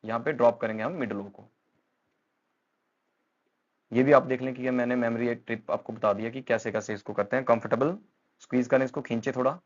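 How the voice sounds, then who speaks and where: A man's voice: medium pitch, steady tone, a little fast, long pauses, highs cut off. A man with an Indian accent teaching English pronunciation, talking patiently and repeating words with frequent fillers. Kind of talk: explanatory lesson in Hindi mixed with English.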